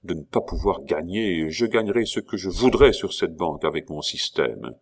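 A man voicing an irritable army commandant, talking in a gruff, loud, exasperated way in a read-aloud novel. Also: low-pitched, animated, moderate pace. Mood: irritated. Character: irritable middle-aged army commandant, gambler.

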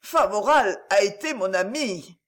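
Cowardly stammering financier, voiced by a male reader; pitched high, very animated. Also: measured pace. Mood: pleading. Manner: pleading, stammering. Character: cowardly greedy middle-aged financier, stammering.

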